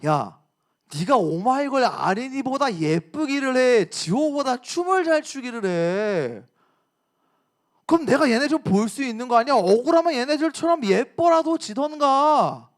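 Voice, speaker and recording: A man's voice: high voice, very animated, exaggerated voice. A man playing a dismissive teenage boyfriend who talks down to his girlfriend. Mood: scornful. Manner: scornful, drawn-out.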